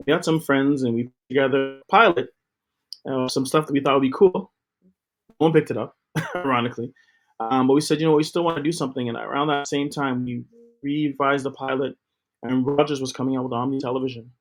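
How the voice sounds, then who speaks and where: A man's voice: medium pitch, fairly even intonation, fairly quick. A middle-aged man giving an upbeat, promotional account of his TV company as an interview guest, with a few fillers. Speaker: guest, TV co-founder. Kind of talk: interview talk.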